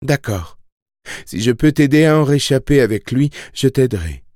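A man's voice: mid-range voice, sing-song, moderate pace, a little mellow, dry recording, clean studio sound, pitched above the performer's own voice, close to an everyday voice. A man voicing a wary young woman in labor pain, speaking guarded and bitter.

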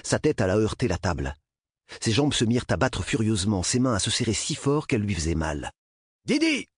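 A man reading a novel aloud as narrator, with an expressive, dramatic delivery on a close studio mic. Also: lowish voice, a little fast, breathy edge, no room sound. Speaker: audiobook narrator. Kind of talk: scripted narration.

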